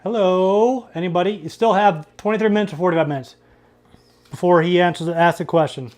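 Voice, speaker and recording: Man, high voice, casual trivia livestream host, reads out questions, jokes with the chat. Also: fairly quick, darkish tone.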